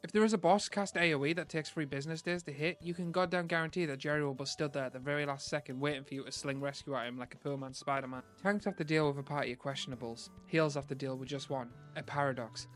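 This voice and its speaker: A man narrating a scripted comedy video with crude, sarcastic, rapid-fire jokes. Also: on the high side, fairly bright tone, soft background music. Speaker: gaming video host.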